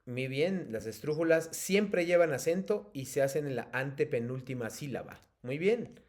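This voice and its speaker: A man with a Mexican accent, a teacher explaining patiently to his students in an online class, often pausing with fillers. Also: medium pitch, expressive. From State of Mexico.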